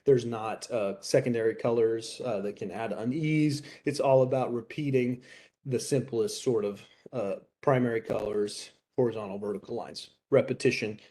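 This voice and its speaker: A man gives a recorded art lecture in a loose, conversational way. He thinks aloud, fills pauses with "uh" and restarts his phrases. His voice sits at a middle pitch, and he keeps turning to the class with questions. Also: a little mellow. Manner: asks the class rhetorical questions. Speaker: art teacher.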